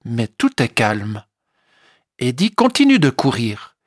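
A storyteller reading a children's animal story aloud in a slow, expressive way. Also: mid-range voice, no echo, studio quality. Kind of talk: scripted children's story narration.

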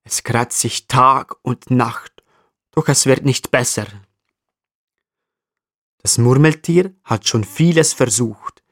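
A man narrating a children's story gently and speaking directly to the listener. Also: mid-range voice, no echo, studio quality.

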